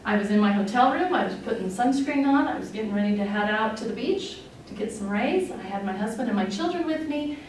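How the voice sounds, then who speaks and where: A woman's voice: on the high side, expressive, fairly quick, a little mellow. A woman in her forties from Wyoming, a nurse executive telling her own story in a candid, conversational way, with many fillers and open emotion. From Wyoming, USA. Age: 40s. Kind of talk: personal testimony talk. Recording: echoey room, distant mic, faint noise.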